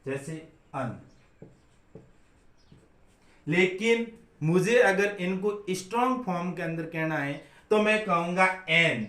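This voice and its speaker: Man from India, high voice, slow deliberate teaching, echoey classroom. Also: fairly bright tone. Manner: repeats questions and answers them himself. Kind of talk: classroom grammar lesson.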